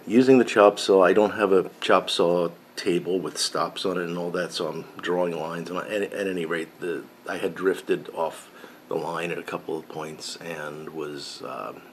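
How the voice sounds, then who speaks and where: This middle-aged man hosts a woodworking channel, smokes a pipe, and speaks to camera in a low-pitched voice from his home workshop with its pegboard of tools. His casual chat wanders, full of fillers and frequent self-corrections, over a slight background noise.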